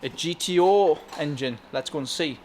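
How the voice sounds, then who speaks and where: A man's voice: on the high side, moderate pace, a little mellow. A man hosting a casual walk-around vlog inside a car workshop, chatting with the mechanics. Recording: echoey workshop hall with faint background noise.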